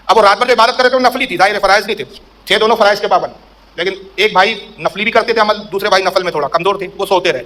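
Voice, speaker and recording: Man, preacher, emphatic storytelling sermon, high voice, sharp tone. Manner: emphatic, rising to loud fervor, asks and answers own questions.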